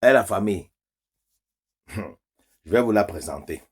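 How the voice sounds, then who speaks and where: Man, husky, playful casual greeter. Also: low-pitched, lively intonation, slow pace. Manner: jokey, teasing introductions. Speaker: video host.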